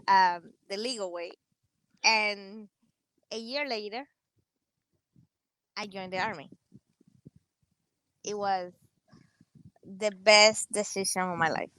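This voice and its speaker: A woman from Cuba with a Cuban Spanish accent, a guest on a video call, talking animatedly with loud bursts and quick asides, recorded outdoors on an earbud mic. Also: medium pitch, poor audio. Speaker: guest, Army veteran and entrepreneur. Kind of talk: casual interview conversation. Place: outdoors on a sunny patio. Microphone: wired earbud headset on a video call.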